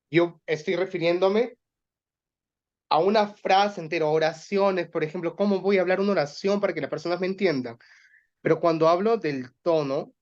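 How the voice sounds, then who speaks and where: Male voice coach, high-pitched, patient explainer, muffled lo-fi recording. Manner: explanatory, demonstrates exercises aloud. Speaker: voice workshop instructor for teachers. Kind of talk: online workshop teaching.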